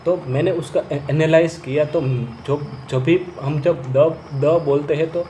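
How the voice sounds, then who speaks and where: A man gives a slow, deliberate lesson on stammering, often repeating the first sounds of words as he stammers. His pace is very unhurried, with long pauses. The room is roomy and echoey, with a faint hum of ambience behind him. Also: on the high side, fairly even intonation, dark tone. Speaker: stammering coach. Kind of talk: instructional talk to camera.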